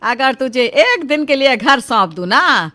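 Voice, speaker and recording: Woman doing a loud scolding mother-in-law. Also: high voice, big pitch swings, normal speed, pitched above the performer's own voice, full character voice. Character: bossy quarrelsome middle-aged mother-in-law.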